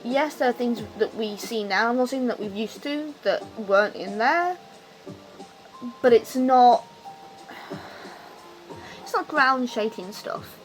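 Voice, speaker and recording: A woman's voice: a little high, lively intonation, slow pace, long pauses, over music, poor audio. A drunk woman on a rambling, unscripted rant about her hobby, loose-tongued, opinionated and emphatic in an exasperated way. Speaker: video game commentator.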